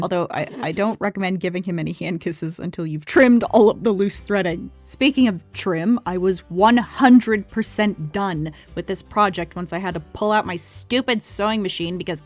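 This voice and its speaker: A woman narrating a craft video in a casual scripted voice-over, playful and self-deprecating with mock-grand asides. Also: mid-range voice. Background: background music.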